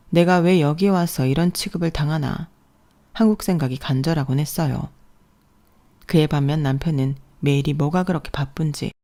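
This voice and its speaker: A woman reads a first-person radio story, calm and confiding. Her voice sits low and mellow, steady throughout the telling. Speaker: story narrator.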